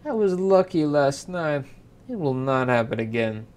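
A man voicing a frightened young miller's daughter in a bedtime story, pitched up and pleading. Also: very animated, unhurried, darkish tone.

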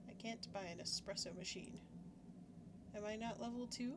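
A young woman, a gaming YouTuber, plays a game and offers casual, self-mocking commentary, thinking aloud as she goes. Her voice is medium in pitch and normal in speed. She records at a home setup with a webcam in the corner, amid loud background noise.

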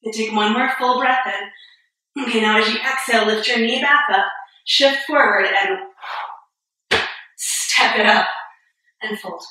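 A woman in her thirties leading a guided yoga class, cueing each move calmly and a little out of breath. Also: fairly high pitch, measured pace, long pauses. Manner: calm step-by-step cueing, a little breathless and joking. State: a bit out of breath. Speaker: yoga instructor. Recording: very echoey room, voice far from mic.

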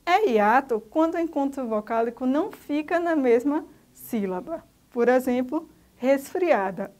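In a recorded grammar lesson, a Brazilian woman with a Brazilian Portuguese accent speaks slowly and didactically, naming each letter one at a time for young pupils. Her voice sits high, with lively intonation and a darkish tone.

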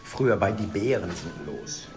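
A man's voice: low-pitched, animated, normal speed, music in the background. A German man making dry, joking remarks at an outdoor ballfield. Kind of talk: casual commentary on camera.

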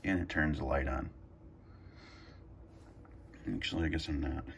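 This man has a bass voice with vocal fry, speaking a little slowly over slight background noise. He's a video host showing off a radio scanner indoors in a carpeted room at home, hesitantly talking himself through each button press. The how-to is casual and improvised.

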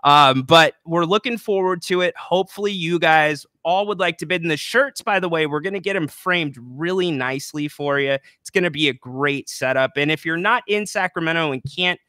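A young man co-hosts a casual postgame basketball show, giving a brisk play-by-play recap in an upbeat, promotional manner. His voice sits on the high side, bright and forceful, clear and resonant. He speaks into a boom-arm podcast mic in a small room with a plant and a banner, and the studio-quality sound has no room noise.

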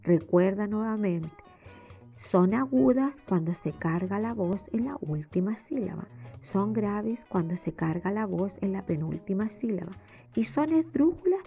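A woman teacher with a Chilean accent giving a recorded remote lesson, explaining step by step in a slow, explanatory classroom manner. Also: mid-range voice, lively intonation, mellow, soft background music. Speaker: primary school teacher.

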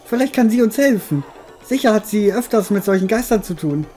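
An earnest, concerned adventure game companion, voiced by a man, speaks in a raised, high voice. Music plays underneath. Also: expressive, fairly quick, mellow. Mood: concerned, hopeful. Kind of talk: read-out video game dialogue.

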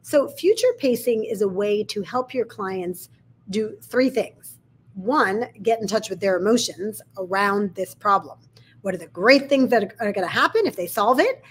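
A woman's voice: mid-range voice, expressive, moderate pace, husky. A woman sales coach with a slight lisp, explaining a method step by step in an instructional video.

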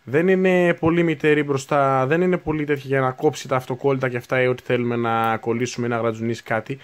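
A man's voice: medium pitch, fairly even intonation. A man in his twenties chatting casually as he unboxes new hobby supplies, thinking aloud and correcting himself as he goes. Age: 20s. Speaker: unboxing video host.

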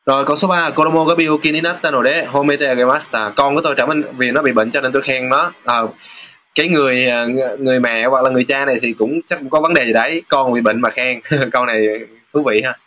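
A man teaching a casual lesson over test questions, chatty, pausing with filler sounds and reading example sentences aloud slowly. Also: medium pitch, sharp tone. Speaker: Japanese teacher.

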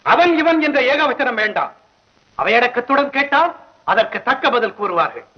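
An actor playing a stern, proud old head poet of the court, speaking formally in a 1960s film drama. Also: male voice, very high-pitched, sing-song, moderate pace. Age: older. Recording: muffled 1960s film soundtrack.

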